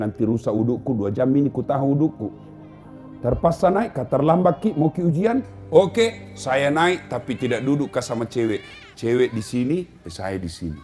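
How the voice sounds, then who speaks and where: A man's voice: medium pitch, warm tone. A middle-aged man preaching a humorous sermon in a Makassar Indonesian accent, telling jokes and speaking straight to the audience. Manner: joking storyteller, addresses audience directly.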